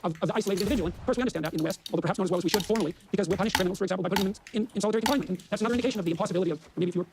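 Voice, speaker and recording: Guy on a stage panel, high gravelly voice, talks real fast, lecturing tone. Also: background noise. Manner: measured, lecturing. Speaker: panel guest. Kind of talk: stage discussion.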